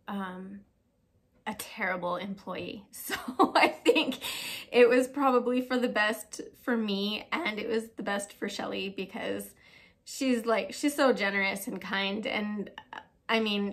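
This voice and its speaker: A woman's voice: mid-range voice, a bit bright. A woman vlogging about knitting from her home knitting room, chatting casually, self-deprecating and swearing now and then. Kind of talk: casual chat to camera.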